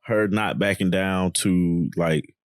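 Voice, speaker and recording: Male podcast co-host, low voice, conversational and earnest, dry close-miked sound. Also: slow, clear, resonant tone, no echo. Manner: conversational, repeats "you know what I'm saying". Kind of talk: casual reality TV recap chat.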